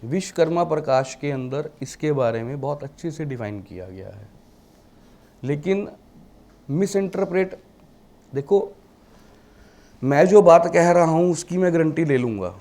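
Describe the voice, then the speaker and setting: Man, teacher, classroom lecture, mellow tone, rhetorical questions. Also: a little high, normal speed. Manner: mixes English terms into Hindi, rhetorical questions. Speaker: vastu teacher.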